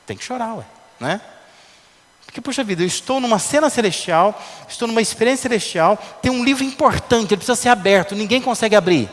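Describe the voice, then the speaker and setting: A man's voice: high voice, lively intonation, fast talker, long reverb tail. A man preaching a sermon, talking to his listeners in a conversational way and asking many rhetorical questions. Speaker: pastor.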